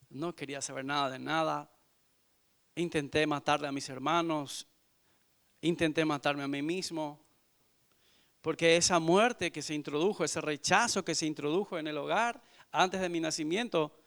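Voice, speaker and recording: A visiting missionary in his forties gives an earnest sermon testimony in church, his voice shifting from hushed to loud. He speaks on the high side and unhurriedly.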